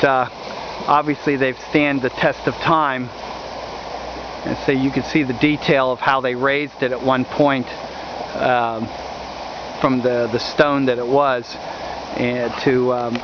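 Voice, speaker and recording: A man narrating a walking tour outdoors along a wooded riverbank, talking in a halting way with many fillers, recorded on a handheld camera mic. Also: mid-range voice, flat delivery, background noise. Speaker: history video host. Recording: dull lo-fi outdoor audio.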